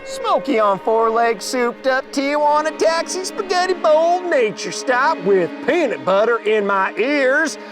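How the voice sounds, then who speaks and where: A man voicing a male trucker who talks in CB slang, heard over a CB radio with a slow, sing-song drawl. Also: very high-pitched, expressive, over music, pitched above the performer's own voice. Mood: jokey bravado. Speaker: vlog host.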